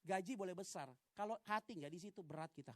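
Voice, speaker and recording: A male pastor giving a colloquial, joking sermon. He swings between loud preaching and quiet asides and calls for amens from the congregation. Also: high-pitched, quick pace, no room sound.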